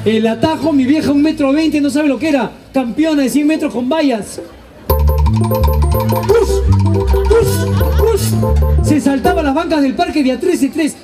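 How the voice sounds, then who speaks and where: A man's voice: extremely high pitch, brisk, hardly any pauses, music in the background. A man doing a stand-up comedy monologue, telling stories animatedly and acting out his family's voices. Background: audience laughter.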